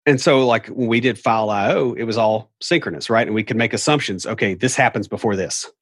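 A man's voice: lowish voice, fairly quick, breathy edge, no echo, clean studio sound. A middle-aged man with an Appalachian hillbilly accent, casually explaining things in a folksy, wry way with rambling asides. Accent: Appalachian hillbilly, Southern US.

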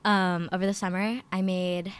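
A young adult woman from the United States, talking casually as a podcast guest, relaxed and chatty with lots of fillers. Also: on the low side, normal speed, smooth.

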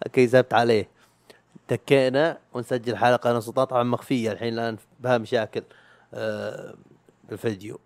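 A man's voice: medium pitch, moderate pace, dry recording. A young man, chatting casually as a podcaster in a rambling, self-mocking way, with slang and swearing. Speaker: YouTube podcaster. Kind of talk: casual chat.

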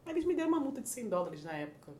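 Lively Brazilian storyteller woman, laughing. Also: on the high side, racing, slight background noise. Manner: expressive, laughing, acts out quotes. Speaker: guest. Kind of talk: animated storytelling in casual chat.

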